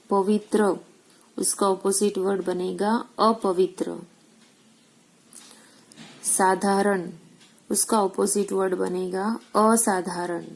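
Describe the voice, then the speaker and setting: Woman teacher with a dark, gravelly voice, slow and deliberate, asks a question then answers it. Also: mid-range voice, low-quality recording. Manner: mixes English words into her teaching. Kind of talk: recorded school lesson, explaining textbook exercises.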